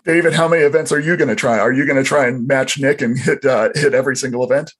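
A man's voice: medium pitch, steady tone, fast, fairly bright tone. A man hosting a podcast, asking questions and reading a polished outro. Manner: polished, clear delivery. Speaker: podcast host. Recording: faint music behind.

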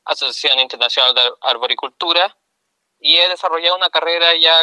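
Interview guest: Chilean man, middle-aged, patient explainer, a touch high, very bright tone. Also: fast, smooth, dry recording, rough recording. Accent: Chilean Spanish. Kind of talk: interview answers.

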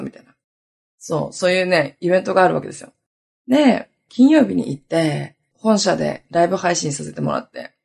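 A woman around thirty hosting her own podcast, hoarse today and chatting in a lively, rambling way with many asides. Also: on the low side. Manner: chatty, animated storytelling with lots of asides. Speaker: podcast host. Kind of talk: casual solo podcast chat.

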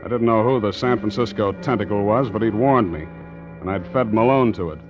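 In a 1940s radio adventure, a man plays a tough, secretive ship's skipper, delivering brooding narration in a wry, hard-boiled way. His voice is lowish, fairly quick and close to everyday speech, heard through a muffled period recording with background music.

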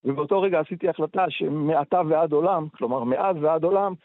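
A man's voice: a little high, no room sound. Older man on a tinny phone line. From Israel, Tel Aviv. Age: 60s. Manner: halting, retells dialogue, many hesitations. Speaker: interview guest. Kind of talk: personal war recollection in a radio interview.

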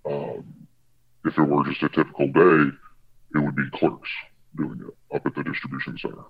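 A postal worker speaking through an electronically altered, disguised voice, answering interview questions in a matter-of-fact, halting way with fillers. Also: male voice, little pitch movement, husky. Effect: electronically altered, very deep disguised voice. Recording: muffled lo-fi video clip audio.

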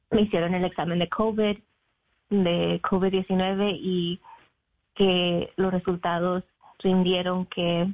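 Woman talking over a phone line. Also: lowish voice. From Mexico. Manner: halting, with many fillers and English words mixed in. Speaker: interview guest. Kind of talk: personal account in an interview.

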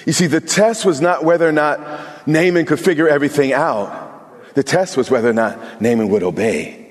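A man's voice: on the high side, moderate pace, big-room sound. A male pastor preaching an emphatic sermon, talking straight to his congregation with humorous asides.

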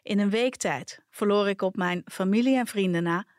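Woman calmly reading a personal story. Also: mid-range voice, moderate pace, no room sound, clean studio sound. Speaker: podcast reader.

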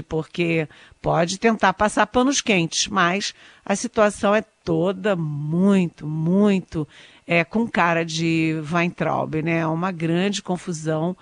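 A woman's voice: fairly low pitch, no room sound. Woman, ironic political commentator. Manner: ironic, emphatic, repeats herself with fillers.

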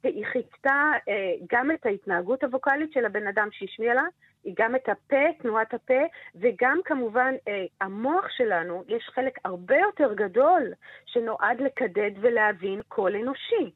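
A woman who teaches voice and researches vocal cognition, speaking in an energetic, emphatic, teacherly way as a guest in a radio interview by phone. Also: a little high, breathy edge, dry recording. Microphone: telephone. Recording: dry, tinny phone line.

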